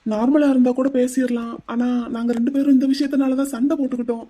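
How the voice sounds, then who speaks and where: A man voicing a troubled young man in an animated drama, speaking earnestly and with distress. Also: very high voice, quick pace.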